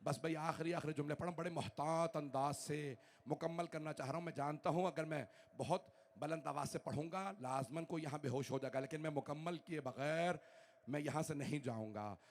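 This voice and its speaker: A man from Pakistan reciting a mournful sermon at a large gathering, his delivery swinging from hushed to wailing, shouted grief. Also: on the high side, brisk. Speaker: Shia cleric reciting a majlis.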